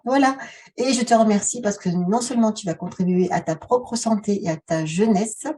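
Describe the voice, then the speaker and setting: A woman hosts a casual video, speaking straight to the viewer from a little way off the mic. Her voice is soft-edged, dark and somewhat husky, at a middle pitch. She talks in a halting, conversational way and leans on rhetorical questions. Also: distant mic. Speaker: video channel host, author and relaxation therapist. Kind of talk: casual vlog talk addressed to the viewer.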